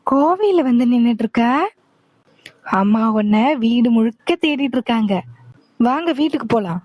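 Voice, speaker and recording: A woman's voice: on the high side, lively intonation, moderate pace, darkish tone, no room sound. A woman voicing a cheerful younger sister in a cartoon, urging her older sister to come home. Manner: urging, teasing. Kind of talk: cartoon voice acting.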